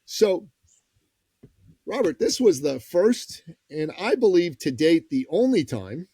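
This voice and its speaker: A man, a business coach and podcast guest, telling a story in a lively, folksy way and acting out the people he quotes. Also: fairly high pitch, takes it slowly, breathy edge, dry recording. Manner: lively, acts out quoted voices; direct, folksy phrasing. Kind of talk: conversational storytelling.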